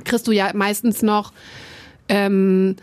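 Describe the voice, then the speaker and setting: A woman in her thirties co-hosting a podcast, telling a story in casual, animated chat. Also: medium pitch, takes it slowly, no echo. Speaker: podcast co-host.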